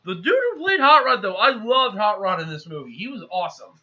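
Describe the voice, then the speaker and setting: A man giving a casual, rambling movie plot recap in a chatty, animated way. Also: high-pitched, brisk. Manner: chatty, animated, acts out characters. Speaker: movie reviewer. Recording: slightly muffled lo-fi recording.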